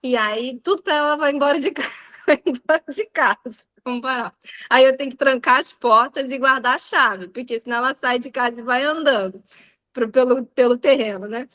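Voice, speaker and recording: A woman in her thirties with a Brazilian Portuguese accent gives a live talk on child behavior, her high-pitched, fairly bright voice moving a little fast. As a parenting speaker, she tells stories in a chatty, conversational way, full of fillers.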